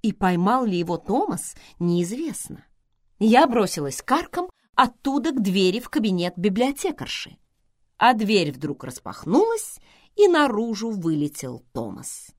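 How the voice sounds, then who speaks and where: Brief: woman narrator, ironic audiobook read, lively pitch, dry close mic. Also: unhurried, no echo. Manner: expressive, ironic. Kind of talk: first-person novel narration.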